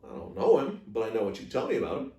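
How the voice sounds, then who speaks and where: A man voicing a kindly, plainspoken old Southern woman with a folksy, gently admonishing way, as he reads a story. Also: fairly low pitch, very animated, quick pace. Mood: gentle, frank. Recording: echoey room, distant microphone.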